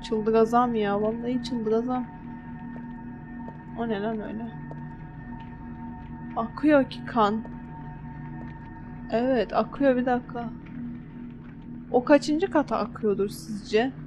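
A woman's voice: on the high side, slow pace, pauses often. A woman commenting on her own horror game playthrough, muttering, getting frustrated and scolding the game as she searches. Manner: frustrated, talks to herself and the game. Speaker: gameplay commentator. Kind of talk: let's play commentary. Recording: game music playing behind. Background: game music.

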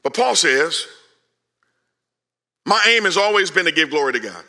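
Bright-voiced preaching man. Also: fairly high pitch, moderate pace. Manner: animated, conversational preaching, shifts from loud to hushed. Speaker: pastor. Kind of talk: sermon. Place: large church stage.

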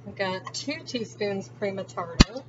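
This home cooking vlogger speaks at a measured pace in a mid-range voice, thinking aloud and chatting casually as she works in the kitchen. Because the camera rests on the counter at a distance, the audio is distant and muffled, and the background noise is loud.

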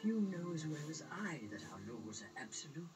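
A woman acts out an imperious alien councilwoman for a cartoon fan dub. The voice sits fairly low and swings widely in pitch as it declaims formal commands. Loud film music plays behind. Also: big pitch swings, moderate pace. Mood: solemn, formal. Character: stern, imperious alien grand councilwoman, weighing rules and justice.

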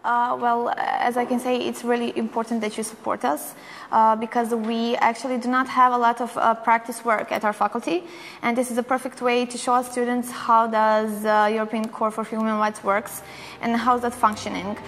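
A woman's voice: fairly high pitch, little pitch movement, moderate pace, a bit bright, big-room sound, slight background noise. A woman law student answering an interview earnestly, in slightly non-native phrasing.

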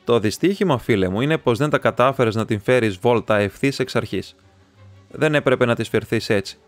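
A man's voice: mid-range voice, dry recording, faint music behind, natural voice. Talkative young student , a man reading the part. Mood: chatty. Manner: rambling, chatty, teasing. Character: talkative young male student friend, warm and excitable.

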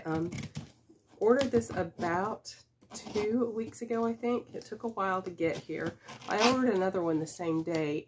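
A woman in her fifties with a stuffy head cold speaks in a lowish voice, chatting casually and unhurriedly as she unboxes items, with small laughs and fillers. She's a reseller vlogger in a small indoor room with shelves of boxes, recorded by a camera at desk distance. Background noise is audible.

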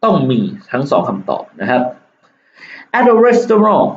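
A man teaching English, going over exam questions. He reads the English lines slowly, then explains them and jokes about the test. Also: mid-range voice, sing-song. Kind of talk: exam walkthrough lesson. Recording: echoey lo-fi room with faint hiss.

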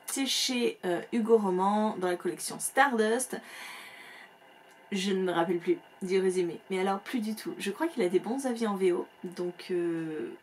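A woman's voice: medium pitch, normal speed. A woman book vlogger chatting casually and enthusiastically at home, using plenty of fillers as she goes. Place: home room with bookshelves.

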